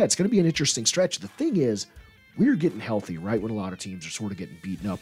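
A hoarse, husky man hosts a sports podcast and jokes around, his pitch jumping up and down. Soft music sits faintly behind him. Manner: lively, joking, playful voice shifts. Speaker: podcast host. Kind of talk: casual sports chat.

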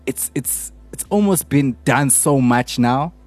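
A man's voice: medium pitch, animated, slow pace, a little mellow, no echo, faint music behind. A man with a South African accent discussing casually as a podcast panelist, often checking in with small tag phrases. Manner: often tags phrases with "you know".

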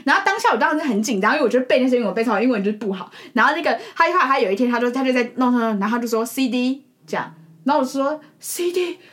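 A woman's voice: on the high side, very fast. A young woman, chatting on a podcast and telling a funny story with many restarts. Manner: animated, giggly, many restarts and fillers. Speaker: podcast co-host. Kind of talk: casual storytelling chat.

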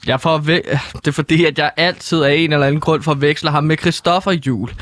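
A man's voice: a little high, steady tone, a bit bright. A young man co-hosting a studio show, playful and bumbling in comic banter. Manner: playful, bumbling, blurts catchphrases. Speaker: co-host, news reporter. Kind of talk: casual comedic banter. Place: radio studio.

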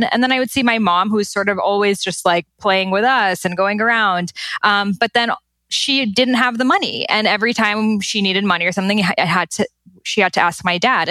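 A woman from the United States, a podcast guest telling stories in a lively, chatty way. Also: mid-range voice, no room sound, rough recording. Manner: lively, chatty, quick to laugh. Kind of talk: casual interview storytelling.

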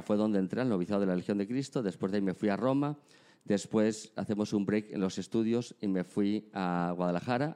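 Spanish-accented priest, 40s, interview guest; dark warm tone, explanatory delivery. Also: male voice, on the low side, smooth. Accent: Spanish, from León. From Spain. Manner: explanatory, matter-of-fact. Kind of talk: casual interview.

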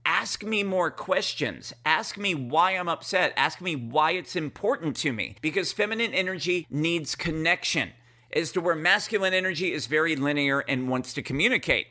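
A man's voice: on the high side, pushed and bright. A man talking as a relationship coach on a podcast, earnestly addressing his listeners directly. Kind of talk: podcast monologue.

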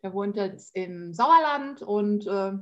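A woman's voice: medium pitch, lively intonation, slow, highs cut off, noisy background. A woman telling her personal story as a podcast guest, chatty and full of fillers and tag questions.

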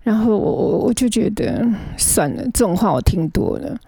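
A woman's voice: medium pitch, animated, normal speed, dark tone, slightly rough, dry recording. A middle-aged woman, earnestly recounting her own past as a guest and often stammering as she restarts her sentences. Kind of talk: emotional personal storytelling.

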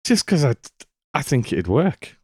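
A man's voice: mid-range voice, big pitch swings, measured pace, husky, no room sound, studio quality. A man with a British accent, chatting casually as a co-host on a podcast. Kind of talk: casual chat.

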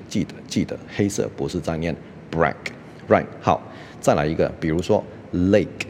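A man with a very low voice teaches English pronunciation in a relaxed, chatty way. He sprinkles in "OK" and "right" and drags out example words slowly so listeners can imitate him. A faint low rumble sits under the recording. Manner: mixes English words into Mandarin, repeats words slowly to model them; frequent "OK" and "right" fillers. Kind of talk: casual spoken lesson.

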